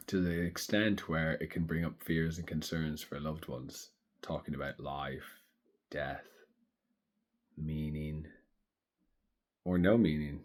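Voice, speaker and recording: A man in his thirties speaking slowly and thoughtfully in a reflective personal monologue. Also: sits low. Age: 30s. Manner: slow, thoughtful, soft-spoken. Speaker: vlogger.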